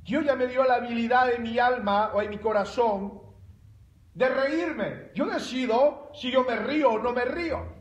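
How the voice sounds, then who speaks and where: In a roomy, echoey church sanctuary, a high-voiced pastor preaches a sermon with animated emphasis, breaking into loud exclamations. His delivery is a little slow, and the recording's highs are cut off.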